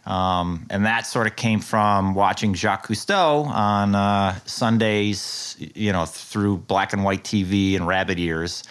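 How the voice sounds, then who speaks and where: A low-voiced middle-aged man with a Western New York accent blended with a Long Island one. He speaks as an interview guest in a casual, anecdotal way, like someone telling stories from his own life. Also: fairly even intonation, slow, hardly any pauses, fairly bright tone, clear, resonant tone. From rural western New York, USA. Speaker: interview guest, marine scientist. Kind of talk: casual conversational storytelling.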